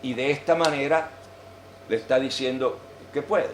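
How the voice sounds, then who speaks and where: A man's voice: mid-range voice, moderate pace, slight background noise. Man lecturing in an echoey church. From Venezuela. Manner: animated, humorous teaching, addresses audience. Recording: roomy church echo.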